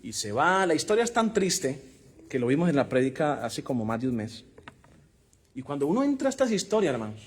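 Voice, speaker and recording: A man's voice: fairly high pitch, very animated, brisk, breathy edge. A man preaching a Bible lesson to a congregation, emphatic and calling out rhetorical questions and amens. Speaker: preacher teaching a Bible class. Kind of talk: sermon-style Bible lesson.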